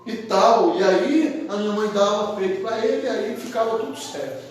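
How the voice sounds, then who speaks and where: A clever young girl, eager and quick-witted, as a man puts her on, in a fairly high voice. The sound is heavily echoey and distant. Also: lightly acted. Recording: very echoey hall, from far off.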